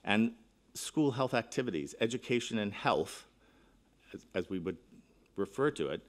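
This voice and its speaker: A man's voice: fairly low pitch, expressive, normal speed. A middle-aged man giving a keynote talk at a conference, seated at a panel table and speaking into a table microphone in an earnest, emphatic way, often restarting his phrases.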